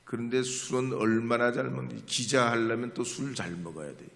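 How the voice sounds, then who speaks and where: A middle-aged male pastor preaching a sermon, switching from quiet asides to the congregation to loud, emphatic exclamations. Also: medium pitch, a little fast, vocal fry. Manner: chats with the congregation, asks them to repeat after him. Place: church sanctuary. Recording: long hall reverb in a church.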